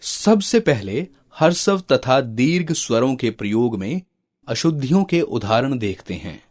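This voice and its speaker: Male narrator for a recorded grammar lesson; slow, measured delivery with an animated intonation. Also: mid-range voice. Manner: slow, deliberate reading of example words.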